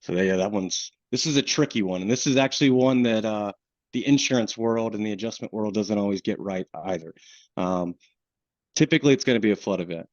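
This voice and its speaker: A man with a Southern US accent leads a webinar in a loose, conversational way, often restarting his sentences. His voice sits low, and it comes over a dull, lo-fi call line with a dry, close sound. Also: a little fast, darkish tone, no room sound. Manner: casual, with frequent restarts and fillers. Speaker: flood insurance program manager, webinar presenter. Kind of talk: webinar presentation.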